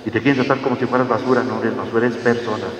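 A man's voice: mid-range voice, steady tone, rapid-fire, a little hiss or hum. A man giving an earnest Lenten talk, calling his listeners his children. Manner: earnest, addresses listeners as children, acts out dialogues. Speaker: parish preacher. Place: church or parish hall. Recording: echoey hall, voice from far off.

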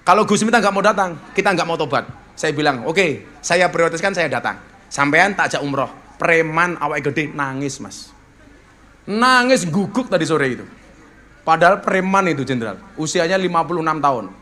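A man's voice: a little high, animated, normal speed, bright, forceful tone. A man with a Javanese accent, a preacher hosting a religious gathering, telling stories and joking with guests. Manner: joking, teasing banter with guests. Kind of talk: lively sermon storytelling to a crowd.

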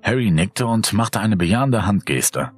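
A man narrating a horror story in a calm, steady reading voice. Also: fairly low pitch, moderate pace, husky, faint music behind. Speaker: audiobook narrator.

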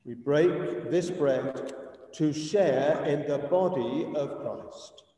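A slow-speaking English priest, male with a dark tone on the high side, leads a communion service in an echoing church. He recites the eucharistic prayer with solemn, deliberate phrasing, streamed over a video call with a distant mic and muffled audio.

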